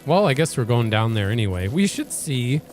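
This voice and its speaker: A man's voice: mid-range voice, very animated, a little fast, darkish tone, faint music behind. A man hosting a let's play, giving casual gameplay commentary in a rambling, hesitant way with frequent restarts.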